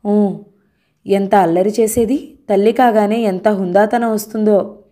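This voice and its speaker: A woman reading the part of a modern-minded young wife, soft and chatty with a peevish edge, in her own voice. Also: medium pitch, fairly even intonation, unhurried, natural voice.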